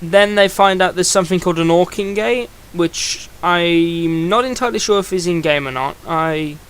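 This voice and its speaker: A man's voice: high voice, moderate pace, fairly bright tone, smooth. A young man giving a casual video review, rambling and chatty, often restarting his sentences. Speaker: comic book reviewer.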